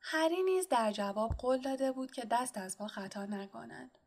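A woman narrating an audiobook in a steady, measured reading style. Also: fairly high pitch, vocal fry. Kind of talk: scripted storybook narration.

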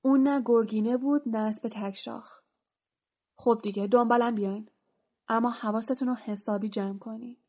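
A woman voicing a huge, gruff male half-giant gamekeeper, speaking loudly and in a blustering, nervous way in an audiobook. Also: a little high, steady tone. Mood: alarmed. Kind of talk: audiobook character voice.

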